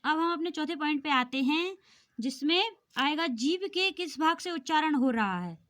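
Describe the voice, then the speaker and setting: Woman teacher, high voice, bright tone, exam-prep grammar lesson, sounds out vowels aloud. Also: animated, normal speed. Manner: explains patiently, sounds out vowels aloud for the viewer.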